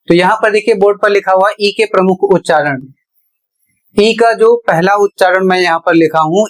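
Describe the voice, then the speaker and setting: A man's voice: sits high, low-quality recording. Patient male teacher at a board. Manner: asks a question, then answers it himself; slow, patient and repetitive. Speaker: English teacher. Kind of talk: blackboard lesson.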